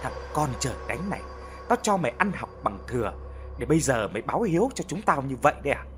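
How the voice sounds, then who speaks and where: A man voicing a stern mother who berates her grown son in a sharp, cutting way. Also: lowish voice, sing-song, a little slow, slight background noise, full character voice. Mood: scolding.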